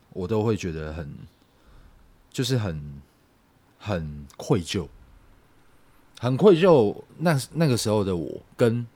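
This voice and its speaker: A young man, telling a personal story on a podcast in a halting, reflective way. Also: lowish voice, a little mellow. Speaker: podcast co-host. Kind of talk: casual podcast chat.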